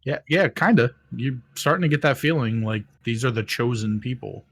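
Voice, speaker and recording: A man's voice: medium pitch, moderate pace, slight background noise. A man narrating as game master, rambling, with many ums and restarts.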